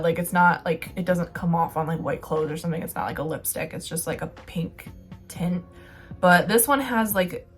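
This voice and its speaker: A young woman talks through her favorite products in a relaxed, rambling way, full of fillers and quick asides. Her voice sits a little low for a woman. Faint music plays underneath. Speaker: beauty vlogger. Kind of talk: casual product review.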